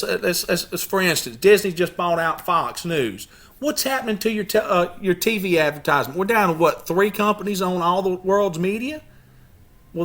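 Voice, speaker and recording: A man's voice: high-pitched, a bit bright. Emphatic man lecturing a study group. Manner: emphatic, asks the listeners rhetorical questions, frequent restarts. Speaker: YouTube channel host leading a study group. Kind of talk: lecture-style talk to a group.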